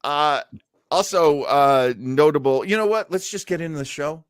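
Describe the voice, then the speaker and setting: A podcast co-host introducing old radio shows chats casually in a slightly high voice at a moderate pace. He's animated, rambling and jokey, acting out his reactions, and the dry recording has clean, studio-quality sound.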